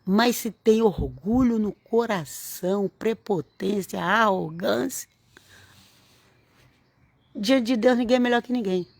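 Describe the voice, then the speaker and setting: A woman's voice: mid-range voice, slow, gravelly, darkish tone, dry recording. Earnest woman preaching to camera. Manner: earnest, exhorting, repeats phrases for emphasis. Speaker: religious vlogger.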